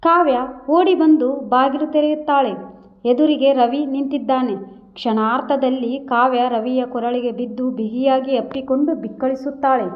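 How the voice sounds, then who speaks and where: A woman narrates a scripted story in an earnest, emotional way. Her voice sits high. The recording is dull and lo-fi. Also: fairly even intonation, moderate pace.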